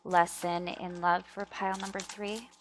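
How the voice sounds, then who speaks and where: A woman's voice: on the low side, flat delivery, moderate pace, slight background noise. A woman hosting a casual pick-a-card reading, chatting to viewers and often checking in, with slightly thick-tongued, stumbling articulation. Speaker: tarot reader and video host.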